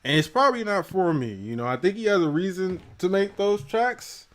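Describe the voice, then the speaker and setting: A man co-hosting a casual music review show, talking in an animated way that swings between loud hype and quiet mumbled asides. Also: sits high, moderate pace. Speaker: co-host of album review show.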